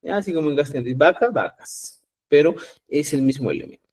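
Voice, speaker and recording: Male teacher from Peru, patient and repetitive, slightly higher voice, live online class. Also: animated, fairly quick, a little mellow. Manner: patient, repeats "¿ya?" to check understanding. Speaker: Quechua teacher.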